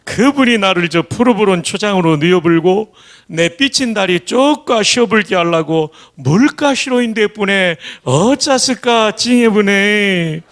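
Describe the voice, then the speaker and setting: A pastor putting on an exuberant Jeolla dialect. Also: male voice, high-pitched, lively intonation, fairly bright tone, voice pushed up, exaggerated voice. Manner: exclamatory, drawn-out folksy recitation. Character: man reciting a psalm in exuberant Jeolla dialect.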